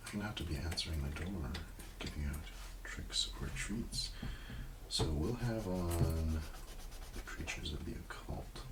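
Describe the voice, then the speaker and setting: Sometimes dropping almost to a whisper, a man meanders through a relaxed ASMR roleplay in an unhurried murmur. He's far from the microphone, and heavy noise fills the background.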